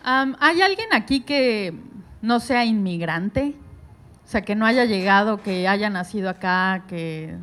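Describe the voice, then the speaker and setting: A woman's voice: medium pitch, animated, slow, a bit bright, a little hiss or hum. A woman from Mexico speaking on a panel to an audience, earnest and personal, addressing them directly.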